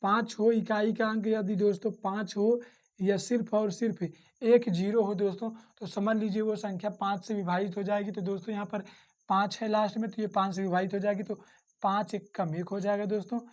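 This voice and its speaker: A woman teaching a maths lesson one step at a time. Her voice sits at an ordinary middle pitch, and her delivery is patient and repetitive. She keeps addressing her viewers as friends. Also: little pitch movement, fairly quick, a little mellow. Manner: repetitive, calls listeners "friends" often.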